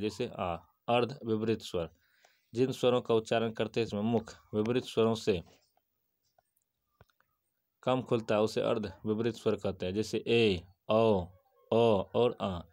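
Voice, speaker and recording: A man giving an exam-prep grammar lesson, reciting definitions and examples in a steady list-like way and answering his own questions. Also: lowish voice. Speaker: teacher.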